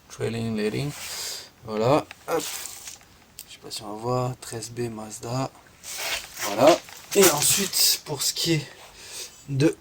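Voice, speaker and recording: Man, casual garage walkaround, chatty and halting, noisy phone audio. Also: mid-range voice, creaky. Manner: chatty, hesitant with many fillers, pointing things out. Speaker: car enthusiast showing his car. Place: garage, in and around a car.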